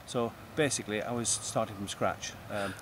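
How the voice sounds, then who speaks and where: Older man, thoughtful, precise, outdoors, clear traffic noise. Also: fairly low pitch, steady tone, normal speed. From East Lancashire, England. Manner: thoughtful, precise, restarts words mid-phrase. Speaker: guest. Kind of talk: conversational interview.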